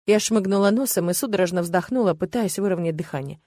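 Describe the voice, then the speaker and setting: A woman narrating a first-person audiobook with steady, expressive storytelling. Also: fairly low pitch, quick pace, dry recording, studio quality.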